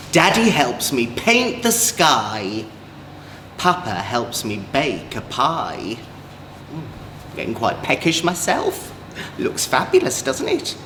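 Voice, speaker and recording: A male drag storyteller from England reads children's tales theatrically, camp and unhurried, with a highly expressive pitch. He is playful and exaggerated, dropping chatty asides to his young listeners. The room has an echo and faint background noise.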